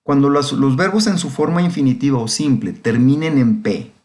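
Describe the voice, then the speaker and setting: A man's voice: medium pitch, moderate pace, darkish tone. Male teacher, patient step-by-step grammar lecture. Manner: patient, repeats "¿de acuerdo?" to check understanding. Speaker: English teacher. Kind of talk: classroom lecture explaining grammar.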